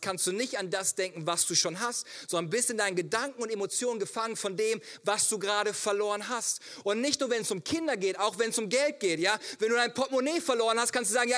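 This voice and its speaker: A man's voice: very high voice, fairly bright tone. A man preaching a sermon, telling a personal story and asking rhetorical questions. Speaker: pastor.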